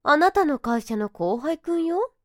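A woman's voice: sits high, expressive, measured pace, dry recording, studio quality. A woman voicing a domineering, motherly figure in an audio role-play, who flips between sweet coddling and cold scorn. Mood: sly. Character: teasing domineering motherly woman, mocking then soothing.

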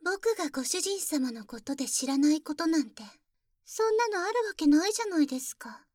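High, dry-voiced young maid, formal then sly, whispering at the ear, played by a woman. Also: expressive, fairly quick, no room sound. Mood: teasing, jealous. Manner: soft ear-close whispering; very formal, deferential speech with teasing jabs. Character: polite, jealous young maid who calls herself boku. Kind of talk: ASMR roleplay audio drama.

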